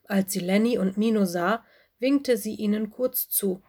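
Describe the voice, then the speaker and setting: A woman narrating a children's storybook in a calm, expressive storytelling voice. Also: medium pitch, a little slow. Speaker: audiobook narrator.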